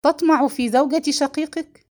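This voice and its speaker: A woman's voice: medium pitch, brisk, darkish tone, natural voice. A woman reading the lines of an enraged young man who hurls heated accusations at his brother. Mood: furious.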